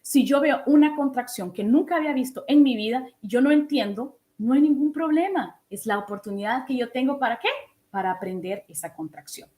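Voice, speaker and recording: A woman in her thirties giving a casual online English lesson in a lively, chatty way, often asking her listeners questions. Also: sits high, fairly quick. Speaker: English teacher.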